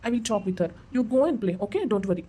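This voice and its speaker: A woman voicing a gentle, indecisive young husband in a cartoon, with a North Karnataka Kannada accent, soothing and worrying aloud. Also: mid-range voice, expressive, slow, a little hiss or hum. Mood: worried. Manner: soothing, worried, self-questioning. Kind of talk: cartoon voice acting.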